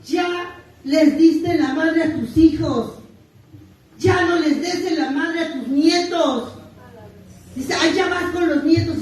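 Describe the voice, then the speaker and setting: A woman's voice: high voice, a little mellow. Mexican woman, blunt testimony in echoey hall. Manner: blunt, earthy, self-mocking confession with crude slang. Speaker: sharer at a recovery group meeting. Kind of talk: personal testimony. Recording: echoey distant room mic.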